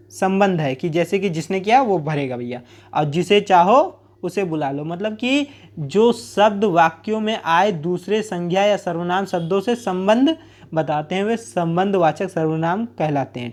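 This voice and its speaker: A man's voice: high voice, a little mellow. A man teaching a grammar lesson, explaining plainly with everyday examples and repeating key points.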